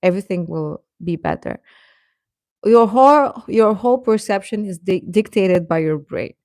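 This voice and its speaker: Her medium-pitched voice is expressive and darkish, moving at a moderate pace in a dry, clean studio sound. This adult streamer talks casually to teenage viewers, offering sincere, encouraging guidance and repeating key phrases for reassuring emphasis.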